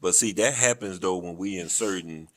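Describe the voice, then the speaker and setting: A man in his thirties from the American South with a Southern drawl, talking slowly and evenly in a casual interview. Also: dry recording, studio quality. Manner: slow, deep, even delivery. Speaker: Army noncommissioned officer, guest.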